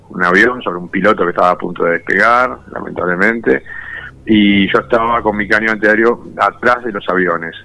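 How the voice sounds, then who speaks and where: A man's voice: low voice, gravelly, bright, forceful tone, low-quality recording. A man in his fifties from Argentina, a war veteran telling his own story in an interview in a reflective, storytelling way. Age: 50s. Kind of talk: personal testimony in an interview.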